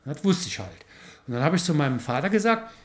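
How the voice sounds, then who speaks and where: Animated man telling a story, slightly high voice. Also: fast. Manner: animated, lots of fillers and tag questions. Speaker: podcast host. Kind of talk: casual storytelling chat.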